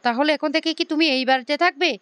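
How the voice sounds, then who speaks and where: A woman reading the lines of a jealous, sharp-tongued married woman in a family story. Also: high voice, quick pace, no room sound, voice pushed up. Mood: needling.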